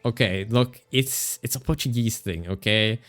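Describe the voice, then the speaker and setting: A man's voice: medium pitch, moderate pace, a bit bright, faint music behind. A man streaming a game, chatting playfully with his chat, teasing and laughing, stumbling as he reads game text aloud. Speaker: VTuber streamer. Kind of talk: casual gaming livestream chat.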